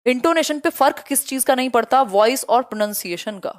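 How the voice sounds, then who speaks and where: A young woman teaching an online exam-prep lecture, brisk and chatty, mixing in English terms. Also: high voice.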